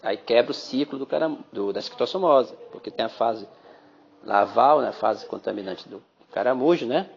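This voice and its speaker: A Brazilian man with a gravelly, creaky voice talks students through biology exam questions in a relaxed podcast lesson. He keeps checking in with his listeners as he goes. It is recorded on a phone app, so the sound is dull and lo-fi. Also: mid-range voice, normal speed. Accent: Brazilian Portuguese. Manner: chatty, addresses listeners as "galerinha", frequent "né?". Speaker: biology teacher.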